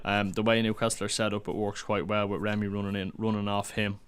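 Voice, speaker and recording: Man, low voice, smooth and clear, casual football podcast chat, restarts. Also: level tone, fast talker. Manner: chatty, hesitant restarts, opinionated. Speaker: podcast panelist.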